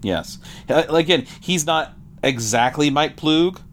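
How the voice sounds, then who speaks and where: A man's voice: on the high side, expressive, slow. A man co-hosting a comic book podcast, reading out the credits and plot of an issue, then chatting casually about it. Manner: reads issue credits and plot recap, then chats with many fillers and repeats. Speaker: podcast co-host.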